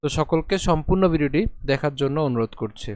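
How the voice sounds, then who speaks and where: A man teaching Sanskrit verse pronunciation step by step. He asks questions and answers them himself, and he repeats syllables slowly. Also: on the high side, a little mellow, no room sound.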